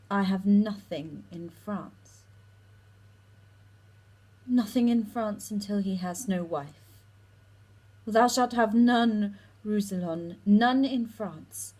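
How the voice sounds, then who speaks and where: A woman performing a guilt-torn lovesick young noblewoman in a slow, impassioned Shakespeare recital. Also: a little high, a little mellow, husky, rough recording.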